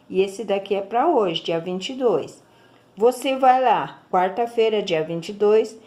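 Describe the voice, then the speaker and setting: A woman's voice: mid-range voice, darkish tone. A Brazilian woman teacher, giving a recorded lesson and explaining each step patiently, checking in often with her pupils. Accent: Brazilian Portuguese.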